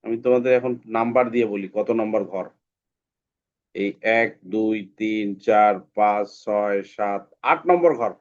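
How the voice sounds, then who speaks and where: A man's voice: fairly low pitch, moderate pace, darkish tone, lo-fi sound. A man teaching English phonics, repeating each sound several times for the class. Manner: drills sounds by repeating them many times. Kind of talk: online phonics lesson.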